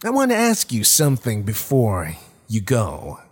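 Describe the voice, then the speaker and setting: A man's voice: medium pitch, wildly swooping pitch, measured pace, slightly rough, full character voice. A man reading a horror story, voicing a sly, menacing rabbit-like monster with steel teeth in a taunting, mock-friendly, sing-song way with an uncanny, strained timbre.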